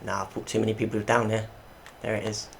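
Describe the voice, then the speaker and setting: A man's voice: lowish voice, little pitch movement, quick pace, creaky, a crowd in the background. A British man giving casual gameplay commentary as a gaming YouTuber, muttering running reactions to the play.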